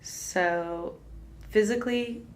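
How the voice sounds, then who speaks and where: A young woman co-hosting a podcast, telling personal stories in casual chat with many "like"s. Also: mid-range voice. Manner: slow, drawn-out storytelling, lots of "like".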